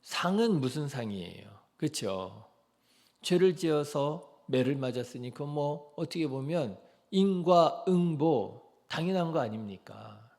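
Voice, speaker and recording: A man preaching an early-morning sermon as pastor, asking the congregation rhetorical questions and dropping softly into quoted prayers. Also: a little high, expressive, a little slow.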